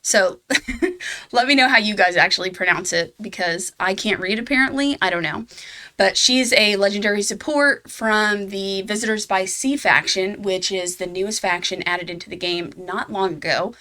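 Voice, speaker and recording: A woman's voice: mid-range voice, normal speed, pushed and bright. A woman hosting her own game guide video, talking casually and laughing at herself now and then. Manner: chatty, laughs at herself, fillers. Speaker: gaming channel host.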